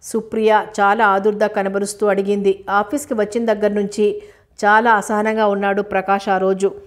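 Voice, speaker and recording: A woman reads a novel aloud as an audiobook, voicing every character herself. Her delivery stays level and unhurried, with very little rise and fall in pitch. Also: flat delivery. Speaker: audiobook narrator.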